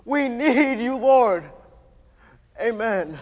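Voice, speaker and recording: A man's voice: extremely high pitch, animated, extremely slow, exaggerated voice. An actor playing a devout man praying in distress in an amateur stage play, solemn and pleading. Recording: long hall reverb.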